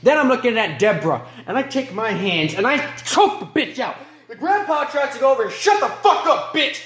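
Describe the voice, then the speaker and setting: A man playing a remorseless male killer in an amateur film monologue, moving between low mutters and sharp outbursts. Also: very animated, fairly quick, roomy sound, heavily acted. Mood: gleeful, frenzied. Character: remorseless male killer recounting his crimes.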